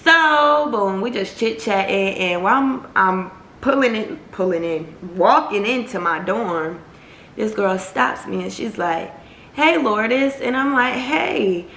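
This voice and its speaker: A young woman vlogger telling a story in a casual, animated, slangy way. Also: medium pitch, unhurried, slight background noise. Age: young adult. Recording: roomy echo.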